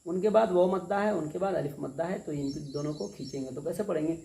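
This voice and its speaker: A male teacher giving a spelled-out recitation lesson, patiently drawling each word out slowly and repeating it. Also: a little high, vocal fry, dark tone. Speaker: Quran reading teacher. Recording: echoey room with faint noise.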